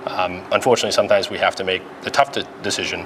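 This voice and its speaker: Giving an interview and tour, a police dispatch supervisor informally breaks things down step by step. His voice sits low with fairly even intonation, and he races through his words. Noisy room ambience is clearly present.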